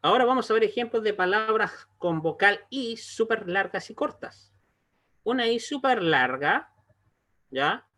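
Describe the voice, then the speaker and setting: A man with a slightly high-pitched voice gives an online language lesson. He explains in a slow, patient way and keeps stopping to check that his students are following. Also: animated, pushed and bright. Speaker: Hebrew teacher.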